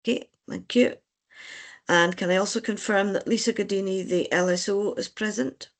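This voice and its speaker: Convener with a gravelly voice. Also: medium pitch, steady tone. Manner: procedural, measured, polite. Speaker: licensing board convener. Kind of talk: formal meeting chairing.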